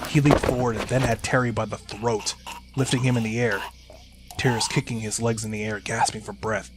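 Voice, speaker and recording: A man reads a scary story aloud at a middle pitch, giving the dialogue lively voices. Soft music plays quietly behind him. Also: brisk. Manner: acts out the dialogue in shifting voices. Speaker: story narrator. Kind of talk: horror story narration.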